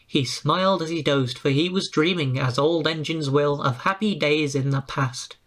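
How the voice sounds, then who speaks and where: A man's voice: on the high side, moderate pace, a bit bright. A man reading a storybook aloud and putting on voices for the engines and coaches. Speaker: storybook narrator.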